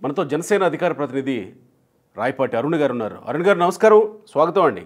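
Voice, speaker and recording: A man's voice: fairly high pitch, sing-song, fast, breathy edge. A man hosting a political interview for a news channel, putting needling, provocative questions to his guest.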